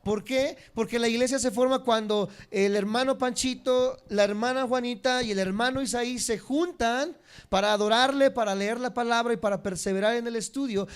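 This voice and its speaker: High-voiced preacher teaching a congregation. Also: male voice. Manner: addresses the congregation directly, repeats key words for note-taking; swings between emphatic high peaks and dropped low endings. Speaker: Bible teacher. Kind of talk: church teaching sermon.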